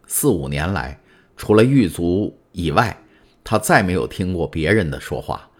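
A man narrating a classic novel in an expressive, measured storytelling manner. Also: sits low, husky. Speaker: audiobook narrator.

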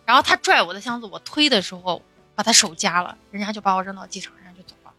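Fast, bright-voiced young woman telling a story. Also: medium pitch, no room sound, faint music behind. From Xi'an, China. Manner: animated, laughing, quotes others in dialogue. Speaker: storyteller on a podcast panel. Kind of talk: casual chat.

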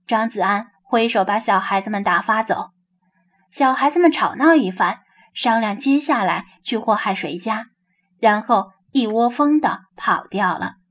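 Higher-voiced woman reading a novel aloud. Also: lively intonation, unhurried. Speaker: audiobook narrator. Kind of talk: scripted narration.

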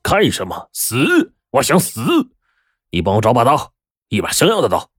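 A man voicing a cowardly swordsman in a told folk tale who shouts in despair and stammers. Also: lowish voice, huge pitch swings, very fast, husky, no echo, studio quality, soft background music, heavily acted. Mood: desperate. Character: desperate, cowardly would-be swordsman, adult man.

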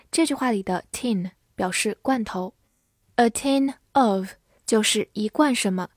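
A woman gives a scripted vocabulary lesson at an unhurried pace. She spells each word out letter by letter and reads the example sentences slowly, and the close mic sounds dry, with no room echo. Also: fairly high pitch, a little mellow. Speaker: English vocabulary teacher.

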